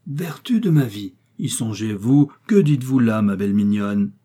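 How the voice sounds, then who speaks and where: A man's voice: on the low side, animated, normal speed, mellow, husky. A man voicing a fussy, talkative old woman who scolds her maid, in an audiobook reading. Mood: scolding. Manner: scolding, exclamatory. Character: chatty fussy old lady, bossy mother.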